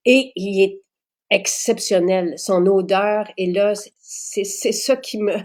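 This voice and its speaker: Woman host, eager, leans on repeated words, medium pitch. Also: takes it slowly, darkish tone. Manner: enthusiastic, repeats words for emphasis. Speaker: host presenting skincare products. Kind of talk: casual chat.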